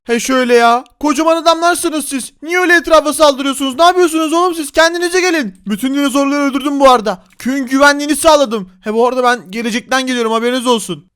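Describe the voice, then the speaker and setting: A man hosting a block-game role-play, narrating dramatically to his viewers and often shouting in excitement. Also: very high voice, very fast. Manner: addresses viewers as friends. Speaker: gaming channel host.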